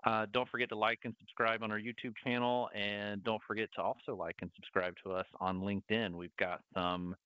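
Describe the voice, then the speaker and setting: A man's voice: lowish voice, level tone, a little fast, few pauses, clean tone, no echo, lo-fi sound. A man with a Southern US accent hosting a webinar, upbeat and promotional as he wraps up the session. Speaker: host. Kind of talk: webinar wrap-up.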